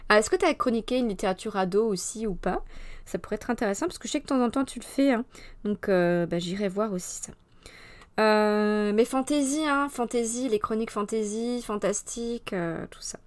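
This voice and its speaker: A woman's voice: medium pitch, darkish tone. A woman hosting a casual live culture show, chatting and answering viewer comments, with frequent fillers and moments where she drops to a whisper. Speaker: mother of young children.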